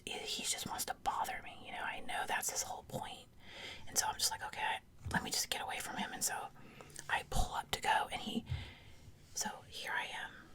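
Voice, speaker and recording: A woman speaks in a breathy, crisp-edged whisper right up at the listener's ear. She tells stories in an informal, chatty ASMR manner, with lots of conversational asides. The whisper is bright and stays intimate and close on the microphone. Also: very high voice. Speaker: ASMR creator telling personal stories. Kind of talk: whispered ASMR storytelling, casual.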